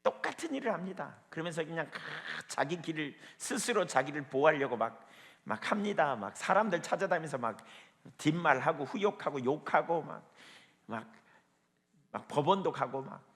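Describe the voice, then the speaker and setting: A man's voice: on the high side, very animated, moderate pace, fairly bright tone, in a large hall. A man preaching a sermon as pastor at a small evening prayer meeting, emphatic and firing rhetorical questions at the listeners.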